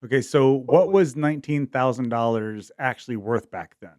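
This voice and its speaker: A man's voice: mid-range voice, normal speed, darkish tone, no echo, studio quality. A man co-hosting a podcast, asking leading questions and joking along. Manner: jokey, asks leading questions. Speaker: co-host. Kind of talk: casual podcast chat.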